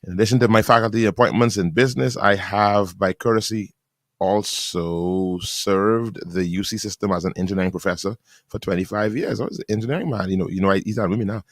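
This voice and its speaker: Man, pastor and radio host, lowish voice, dry close studio sound, chatty, laughs a lot. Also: no echo. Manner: laughing often, reading aloud in halting bursts. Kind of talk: casual talk radio chat. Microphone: studio microphone.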